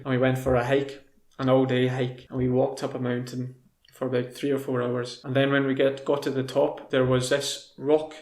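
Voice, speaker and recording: Gravelly Scottish young man. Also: medium pitch, roomy sound. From Scotland. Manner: relaxed, rambling, with fillers and restarts. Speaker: language video host. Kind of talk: casual storytelling for English learners.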